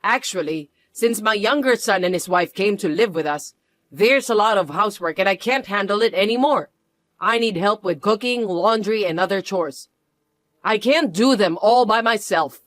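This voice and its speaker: A reader voicing an older, entitled mother-in-law who is shrill, pushy and indignant in a scripted audio story. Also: moderate pace, fairly bright tone, no echo, close to an everyday voice. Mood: indignant, demanding.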